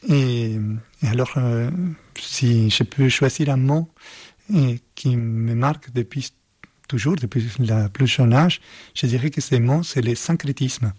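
Husky man. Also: mid-range voice, a little mellow, no echo. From Argentina. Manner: slow, halting, searching for words. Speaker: guest composer and performer. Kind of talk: radio interview.

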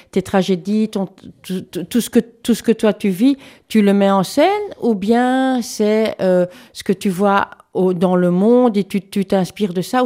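A woman's voice: medium pitch, mellow. A woman hosting a radio interview, asking questions casually and repeating words as she gathers her thoughts. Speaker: radio host.

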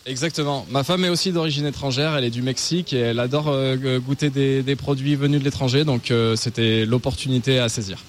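A man, a customer at a food event, answering in a relaxed, thoughtful way with fillers. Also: mid-range voice, fairly quick, few pauses, a little hiss or hum. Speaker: customer interviewee.

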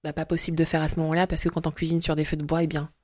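Low-voiced woman giving hesitant testimony. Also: flat delivery, darkish tone, no room sound, clean studio sound. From Congo-Brazzaville. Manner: hesitant, many pauses and fillers. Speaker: interview guest. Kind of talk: personal faith testimony.

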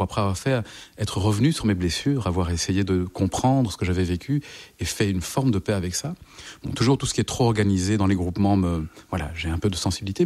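Low-voiced middle-aged man, reflective. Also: a little mellow. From France. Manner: reflective, searching for words. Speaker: interview guest, psychologist. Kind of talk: personal interview testimony.

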